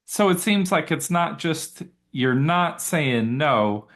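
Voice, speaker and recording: A man hosting an interview podcast, reading the show's intro and asking his guest steady, inviting questions. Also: on the high side, slow. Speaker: podcast host.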